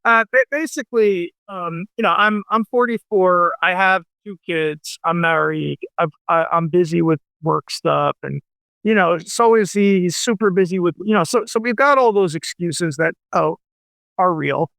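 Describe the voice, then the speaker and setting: A man's voice: sits high, moderate pace, creaky, fairly bright tone, no echo. A man in his forties, a novelist guest on a radio show, talking in a rambling way with many fillers and restarts. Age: 40s. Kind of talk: casual radio interview chat.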